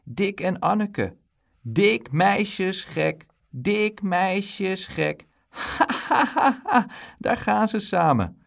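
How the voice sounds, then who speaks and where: A man voicing a mocking schoolboy bully who chants his taunts slowly in a singsong way. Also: high voice, animated, vocal fry, fairly bright tone, voice pushed up, heavily acted. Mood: taunting. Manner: slow drawn-out taunting chant.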